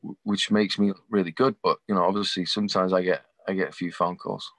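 A man's voice: sits low, steady tone, a little fast, fairly bright tone, no room sound. A man, chatting casually and telling stories on a video call, swearing freely. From England. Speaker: show promoter on a video call. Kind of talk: casual chat.

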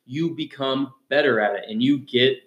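A man's voice: mid-range voice, moderate pace, a bit bright, highs cut off. A male CrossFit coach hosting a casual podcast, upbeat and loose, with many fillers and restarts. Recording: echoey room.

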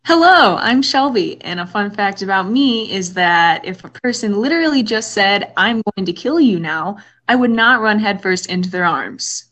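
A woman's voice: mid-range voice, animated, normal speed, hardly any pauses, a bit bright. A woman co-hosting a podcast, chatting about a book in a casual, joking way. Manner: joking, playful. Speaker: podcast co-host. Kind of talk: casual humorous book discussion.

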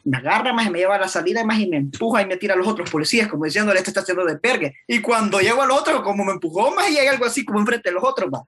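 A man's voice: sits high, expressive, very fast, few pauses, fairly bright tone, a little hiss or hum. A young man with a Salvadoran accent telling a rambling story in slangy casual chat, dropping "maje" constantly.

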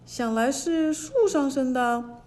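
A strict old immortal master, voiced by a woman narrating a children's myth. He speaks slowly and sternly, with a soft, mellow tone. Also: high-pitched, lively intonation. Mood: calm. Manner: stern, scolding.

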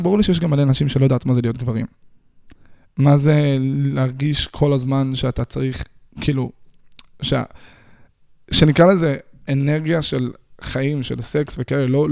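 A young man delivers a casual, rambling monologue to his listeners, stumbling through restarts and firing rhetorical questions. His voice is gravelly and dark. It sits close and dry on the mic. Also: mid-range voice, no echo. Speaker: social commentator.

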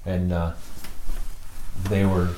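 A man's voice: low voice, level tone, takes it slowly, dark tone, echoey room, a little hiss or hum. A man hosting a casual chat, agreeable and easygoing, often chuckling along.

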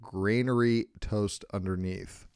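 A man's voice: on the low side, steady tone, slow, a little mellow, clear, resonant tone, dry recording, clean studio sound. A tipsy man co-hosting a podcast, rambling and stammering in casual chat and swearing a lot. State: tipsy from whiskey. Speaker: podcast co-host.

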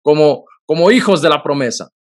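An earnest man. He tells a personal faith story in conversation, and his voice sits a little high. He talks with feeling, in quick bursts. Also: lively intonation. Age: 30s. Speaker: podcast host.

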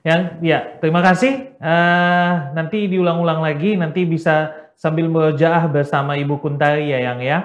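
A man with an Indonesian accent, his voice somewhat high, hosting a call-in Quran lesson. He greets each caller warmly and guides them gently. The sound is roomy and a bit dull. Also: fairly even intonation, moderate pace. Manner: friendly and encouraging, gives gentle instructions. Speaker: program host. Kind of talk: live call-in show hosting.

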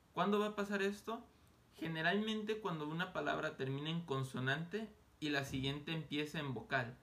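A man giving an English lesson, patiently repeating example phrases slowly and clearly. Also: fairly high pitch, bright, forceful tone. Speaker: English teacher. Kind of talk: language lesson.

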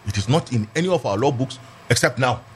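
A man with a Nigerian accent argues a legal point in a discussion. His delivery is quick and very lively in pitch, emphatic and argumentative, with key phrases repeated for stress. There is faint noise in the background. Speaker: legal commentator, guest. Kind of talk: animated political and legal discussion.

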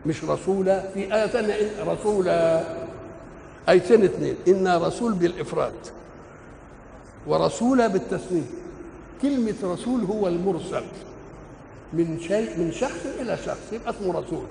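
Older Egyptian preacher in an echoing hall. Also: male voice, high voice, lively intonation, fairly quick, vocal fry, long pauses, mellow. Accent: Egyptian Arabic. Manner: asks rhetorical questions and answers them himself. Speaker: preacher explaining the Quran. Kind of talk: colloquial religious lecture. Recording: echoey hall with faint noise, old recording.

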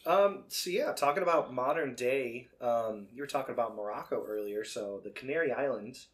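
A man from Illinois co-hosting a podcast in a casual, beer-in-hand chat. His voice sits in a middle pitch. He rambles and circles back to fix what he just said, laughing easily along the way. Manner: rambling, self-correcting, quick to laugh. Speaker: podcast co-host.

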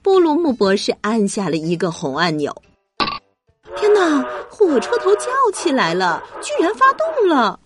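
Lively woman reading a children's story. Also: on the high side, measured pace. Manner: lively, expressive narration. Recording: music playing behind.

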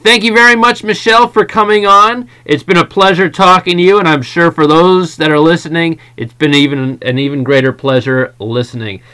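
A man's voice: on the high side, fairly even intonation, fairly quick, hardly any pauses, bright, forceful tone, clean tone. An American man with an American accent, hosting a podcast as a casual interviewer. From United States. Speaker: podcast host.

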